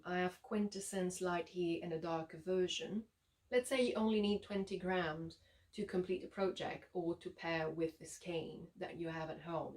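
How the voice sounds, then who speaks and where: Low-voiced French Canadian woman. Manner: relaxed, chatty, with frequent fillers. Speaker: yarn dyer and shop owner. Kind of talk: casual product showcase.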